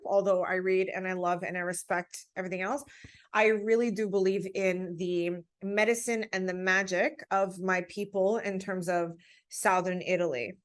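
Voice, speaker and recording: A woman talking as a podcast guest, telling personal stories in an earnest, emphatic, conversational way. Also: medium pitch.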